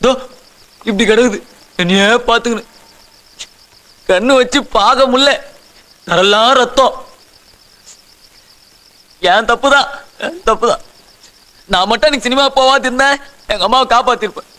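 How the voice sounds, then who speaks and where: A man's voice: extremely high pitch, normal speed, long pauses, pushed and bright. A young man playing a drunk young street tough who rambles tearfully about his dead mother. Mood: grieving. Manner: rambling, swings between laughing and sobbing. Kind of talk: fan recreation of a film scene.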